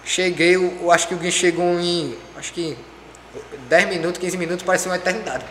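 A young man telling a story in casual chat, animated and acting out quoted dialogue. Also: high-pitched, fast. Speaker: podcast guest. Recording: echoey room with faint background noise.

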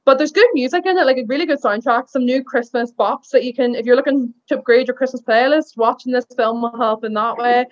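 High-voiced woman chatting. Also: brisk, few pauses, muffled recording. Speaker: reviewer, returning guest. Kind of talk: casual chat.

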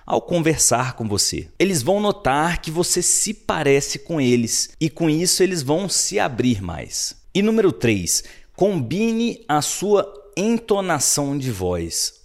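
Brazilian man coaching viewers on sales. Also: fairly high pitch. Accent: Brazilian Portuguese. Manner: instructive, addresses viewers directly and lists numbered tips. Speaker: sales coach and channel host. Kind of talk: direct-to-camera advice video.

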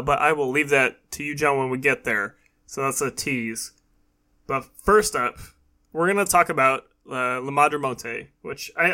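Male podcast host, crisp bright edge, highish voice, conversational explainer. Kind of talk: casual podcast talk.

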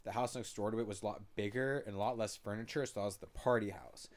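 A man's voice: lowish voice, fairly even intonation, fast talker. A young man co-hosting a podcast, telling a blunt, joking story in casual chat. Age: young adult. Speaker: podcast co-host.

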